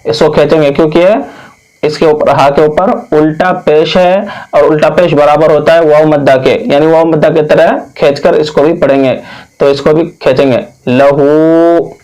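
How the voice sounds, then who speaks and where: A man from India teaching Quran reading, spelling out each word slowly and patiently, drawing out long vowels. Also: a little high, fairly even intonation, a little mellow, low-quality recording. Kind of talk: slow spelled-out recitation lesson.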